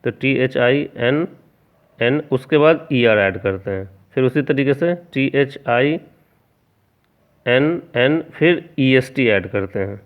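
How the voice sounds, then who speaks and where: A male teacher walks through a grammar lesson at an unhurried pace, spelling words out letter by letter and asking the class rhetorical questions. His voice is smooth and clear, but it comes through thin and tinny, like a phone line. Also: medium pitch, lively intonation.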